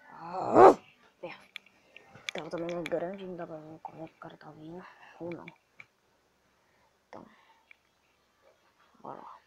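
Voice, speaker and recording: A male gaming host with a Brazilian Portuguese accent, excitable and swearing as he comments on his gameplay. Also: on the high side, vocal fry, background noise. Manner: excitable, swearing, quick to frustration.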